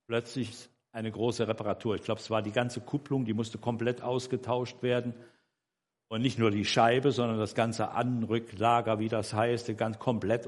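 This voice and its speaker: An older man telling a personal faith story in a rambling, conversational way, with frequent tag questions and self-corrections. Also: lowish voice. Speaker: church member giving a personal testimony. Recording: long hall reverb.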